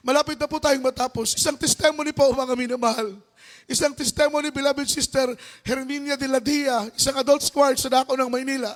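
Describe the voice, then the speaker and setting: High, fervent male preacher with Filipino accent. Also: fairly even intonation, fairly quick. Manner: fervent, repetitive refrains, rising to shouts. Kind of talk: sermon.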